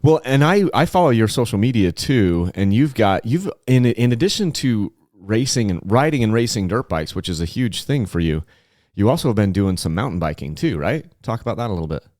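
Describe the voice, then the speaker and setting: A man's voice: on the low side, sing-song, brisk, a little mellow, no room sound, studio quality. A man in his forties hosting a podcast, chatting casually and rambling with lots of fillers and restarts. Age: 40s. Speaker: podcast host.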